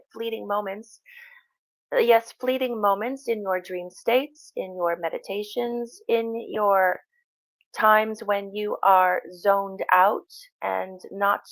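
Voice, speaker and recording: A woman trance channeling a serene, reassuring spirit guide like a seance medium, speaking in measured, halting, instructive phrases. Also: medium pitch, close to an everyday voice, poor audio. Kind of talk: spiritual channeling session answering questions.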